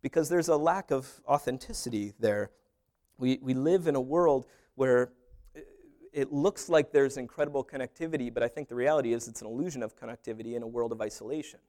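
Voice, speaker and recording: This man delivers a sermon as pastor in a medium-pitched voice at a fairly quick pace, staying animated and slipping in jokes and small acted-out exchanges.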